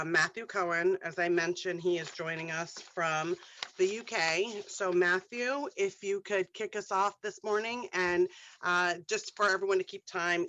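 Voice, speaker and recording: A woman from New York introduces a conference panel in a measured, formal way and keeps everyone to time. Her voice is bright and a little tense. The audio is dry and dull, like a lo-fi remote call. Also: fairly low pitch, dry recording. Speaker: session moderator.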